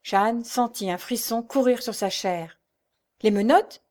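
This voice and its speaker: Female audiobook narrator, measured and even. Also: on the high side.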